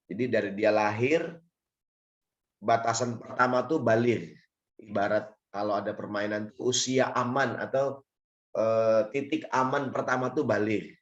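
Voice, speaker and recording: A man with an Indonesian accent and a hoarse, raspy voice, giving an informal religious lecture in a conversational, explanatory way. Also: mid-range voice. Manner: conversational, lightly joking, explains step by step. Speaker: Islamic preacher and guest speaker. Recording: dull, lo-fi audio.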